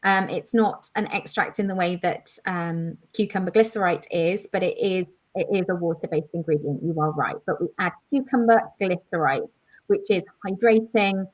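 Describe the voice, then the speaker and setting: A woman's voice: lowish voice, moderate pace. A woman co-hosting a live online quiz as education manager, explaining answers enthusiastically and at length. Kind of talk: casual live-stream chat.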